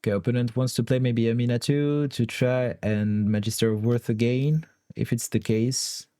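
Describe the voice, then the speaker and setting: A man's voice: medium pitch, steady tone, moderate pace, warm tone, dry recording, clean studio sound. A young man with a French accent, a card game streamer thinking aloud through his plays, weighing options and often laughing. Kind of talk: thinking aloud while playing online.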